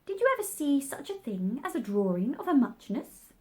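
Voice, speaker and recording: Here is a small, sleepy dormouse out of a storybook, voiced by a woman. It talks in a high, lively-pitched voice with a drowsy, huffy manner. It sulks and bristles as it tells its tale. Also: moderate pace. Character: sleepy, sulky, indignant little dormouse storyteller. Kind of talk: storybook character voice.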